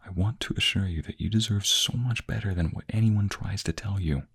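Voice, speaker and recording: A man playing a tender, reassuring boyfriend in a soft, gentle, soothing ASMR whispered role-play, with a low, breathy, gravelly voice. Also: exaggerated voice. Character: tender, reassuring boyfriend comforting his crying partner.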